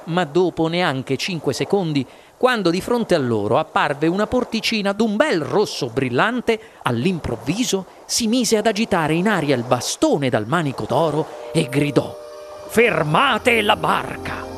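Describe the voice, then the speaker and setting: A man reading a children's story aloud as an audiobook narrator, in an animated, expressive way. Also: a little high, normal speed, few pauses, a little hiss or hum.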